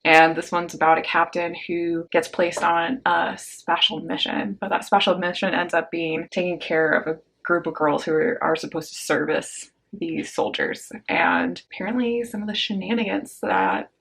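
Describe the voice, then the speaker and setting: A young woman talks through her stack of new books in a relaxed, slangy way, full of quick asides. Her voice sits a bit low for a woman. It sounds like an easygoing vlog chat. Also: creaky. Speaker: book vlogger. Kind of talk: casual book haul chat.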